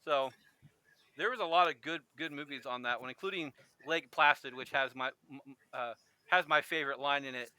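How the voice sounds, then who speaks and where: A man's voice: mid-range voice, brisk, bright, forceful tone, smooth. A man hosting a casual podcast chat, joking and rambling with frequent restarts. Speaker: podcast host.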